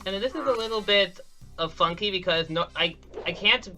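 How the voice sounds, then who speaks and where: Soft music plays behind a high-pitched, pushed, bright male voice at a moderate pace. He narrates a speedrun live, walking through every step in an explanatory way and often catching and correcting himself partway through sentences.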